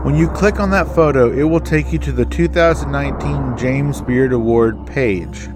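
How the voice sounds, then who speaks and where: A man hosting a podcast, talking casually to his listeners and calling them guys. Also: mid-range voice. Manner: breezy, addresses listeners as guys. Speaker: podcast host. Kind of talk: casual podcast chat and ad reads.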